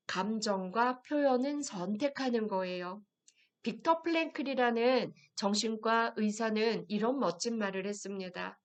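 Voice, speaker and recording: Woman, fairly high voice, gentle instructor, guided affirmations, direct to viewers. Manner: gentle, addresses viewers directly, reads phrases slowly. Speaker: health program instructor.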